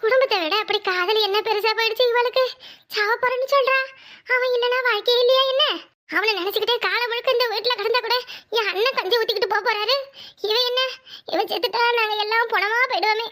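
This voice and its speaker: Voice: very high voice, steady tone, fast, pushed and bright. A performer voicing a frantic young sister-in-law who wails to God and mutters to herself. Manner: wailing, calling on God, talking to herself. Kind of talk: Tamil family drama voiceover.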